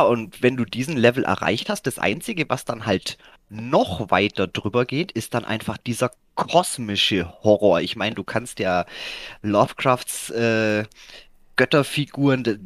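A man co-hosting a casual podcast discussion, rambling with many fillers and restarts and sudden jumps in pitch. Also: no echo, studio quality. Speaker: podcast co-host.

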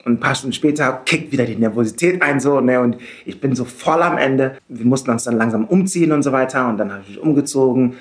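A man as a podcast guest, telling a personal story in casual conversation. He is animated, with frequent fillers and tag questions. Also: medium pitch, fast talker, hardly any pauses.

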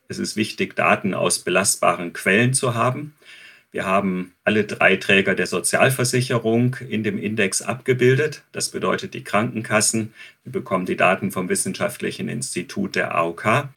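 Deep, gravelly-voiced male expert. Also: a bit bright. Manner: explanatory, methodical. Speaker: research head and interview guest. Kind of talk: expert explanation in an interview.

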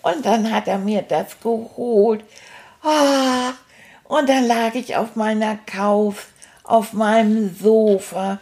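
A woman's voice: fairly high pitch, takes it slowly, darkish tone. A woman voicing a cheerful, cheeky male stuffed toy rat, retelling events in a chatty, rambling, fond way. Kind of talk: first-person storytelling.

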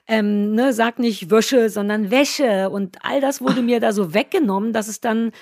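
A woman in her forties with a Berlin accent, co-hosting a podcast and telling stories in a lively, self-mocking way. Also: on the high side, moderate pace, no room sound, clean studio sound. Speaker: podcast co-host. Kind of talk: casual podcast chat.

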